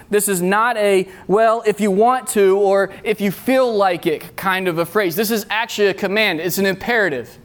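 A middle-aged man preaching a sermon at a youth retreat, earnest and repeating key phrases for emphasis. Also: sits high. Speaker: youth pastor. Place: retreat meeting room.

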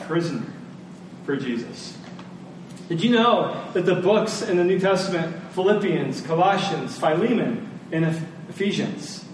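A middle-aged man with a slightly high, slightly mellow voice preaches a sermon conversationally, posing rhetorical questions to his listeners. The recording has a very echoey room, a distant mic, and faint noise.

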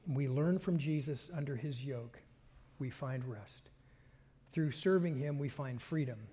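A man preaching a sermon as pastor, earnest and unhurried, dropping at times to a whisper. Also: mid-range voice, warm tone, breathy edge, big-room sound. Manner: earnest, breath-paced, sometimes drops to a whisper. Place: church sanctuary.

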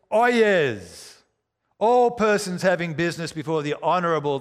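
A man's voice: on the high side, lightly acted. A man voicing a court marshal who makes a formal, ceremonial proclamation in the manner of a town crier. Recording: echoey hall with long reverb.

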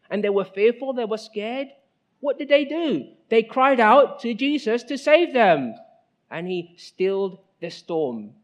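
A man in his thirties preaching a sermon, emphatic, asking rhetorical questions and dropping from loud cries to soft, low lines.

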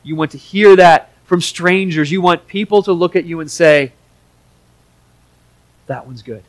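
A man's voice: sits high, fairly even intonation, normal speed, dry recording, poor audio. A man preaching a sermon in an earnest, conversational way, with small restarts as he explains. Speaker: pastor.

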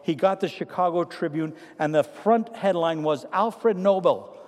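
A pastor speaking to seniors, this man has a Trinidadian accent and a high-pitched, unhurried voice. His sermon starts with animated, humorous anecdotes before turning to quiet, earnest appeals, and the sanctuary's long hall reverb is clearly audible.

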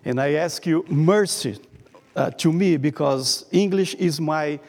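A guest preacher delivers a sermon in English with a Brazilian Portuguese accent, reading carefully from his notes in a halting way with frequent pauses. His voice is a little high with a darkish tone, and the church sanctuary gives it a long hall reverb.

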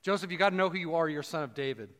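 Pastor guy giving a chatty sermon, slows right down to stress things, echoey hall. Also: a bit bright. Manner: conversational preaching, drops low and slow for emphasis.

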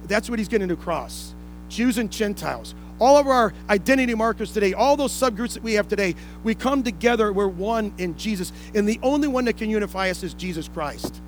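A high-voiced man, heard through poor audio, preaches a sermon to a congregation in an indoor room, explaining point by point with rhetorical questions and repeated key phrases.

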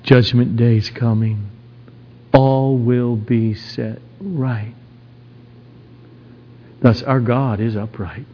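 A man preaching an expository sermon in an emphatic, dramatic manner, with rhetorical questions and swings between hushed and forceful delivery. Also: medium pitch, fairly even intonation, drawn-out words, pauses often. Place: large reverberant room. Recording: dull, echoey large hall.

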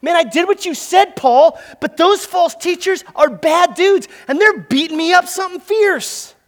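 A preacher voicing a weary young fighter. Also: male voice, very high-pitched, a little slow, long reverb tail, pitched above the performer's own voice. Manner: tired, pleading. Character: weary young male fighter, beaten and discouraged.

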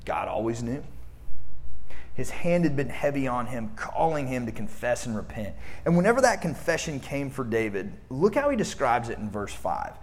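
Male pastor, mid-pitched, preaching casually with rhetorical questions. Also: sing-song, moderate pace. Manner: conversational preaching with filler words and rhetorical questions. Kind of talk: sermon.

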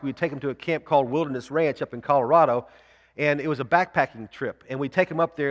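A man's voice: medium pitch, a bit bright. A man preaching a sermon, telling a story in a loose, conversational way with restarts and fillers. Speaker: pastor. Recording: long hall reverb.

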